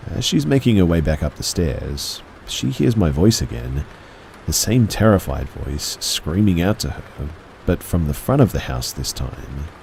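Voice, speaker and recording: A man reading first-person horror stories aloud in a measured, hushed storytelling manner. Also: low-pitched, sing-song, gravelly, a little hiss or hum, rough recording. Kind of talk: scripted horror narration.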